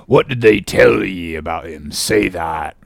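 An actor playing a ragged, ominous old sailor who talks in cryptic warnings and sometimes bursts out shouting. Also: male voice, low voice, animated, a little slow, no echo, clean studio sound, heavily acted. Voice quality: gravelly, growling. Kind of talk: audiobook drama acting.

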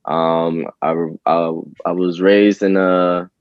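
A young man with a very low, deep voice talks in a relaxed, rambling way, full of fillers and restarts. The sound is dry and a little dull, like lo-fi remote audio. He is a rapper guest in a casual interview. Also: slow, smooth, no echo. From Dominican Republic. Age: young adult.

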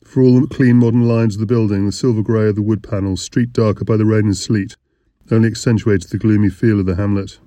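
A man reading an audiobook in measured, descriptive narration. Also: fairly low pitch, dark tone, dry recording.

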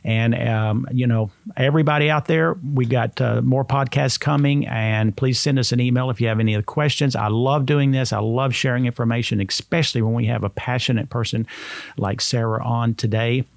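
A man's voice: medium pitch, fairly even intonation, fairly quick, creaky, dry recording. A man hosting a podcast conversationally, speaking earnestly and often rephrasing as he goes. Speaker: podcast host.

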